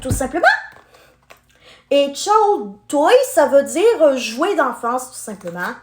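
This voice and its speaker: High, lively young woman vlogger. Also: takes it slowly, roomy sound, a little hiss or hum. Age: 20s. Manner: talks straight to her viewers, friendly and chatty. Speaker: unboxing vlogger. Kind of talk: chatty unboxing video.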